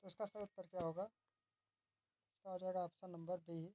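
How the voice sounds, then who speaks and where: A woman's voice: fairly low pitch, level tone, normal speed, warm tone, low-quality recording. A woman tutor reads exam questions and their options aloud, then gives the answer and explains why. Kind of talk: reading quiz questions and answers.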